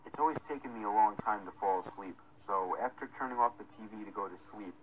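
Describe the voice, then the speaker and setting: A man's voice: lowish voice, brisk, slight background noise, rough recording. A man reading a scripted first-person horror story as its narrator. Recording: music under the narration. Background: music.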